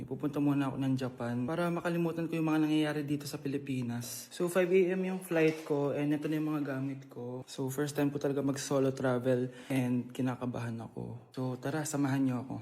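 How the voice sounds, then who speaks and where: A woman with a Filipino accent acting out comedy skits in many roles, loud and exaggerated. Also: extremely low pitch.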